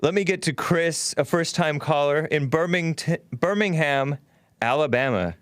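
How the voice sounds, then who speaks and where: A man's voice: a little high, normal speed, clear, resonant tone, no room sound, studio quality. A man hosting a call-in show, talking casually with callers.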